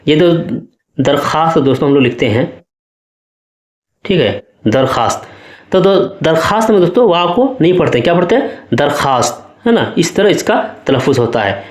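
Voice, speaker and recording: A male teacher with a fairly high voice works through exam questions one by one. He explains each answer patiently and keeps checking that the class follows. The sound has a noticeable room echo. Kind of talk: exam-prep lesson.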